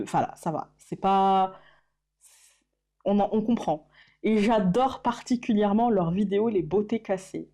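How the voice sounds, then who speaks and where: A YouTuber chats casually in a vlog about her favorite channels, hesitant, restarting often, using many fillers and laughing at herself. Her voice is medium-pitched and mellow.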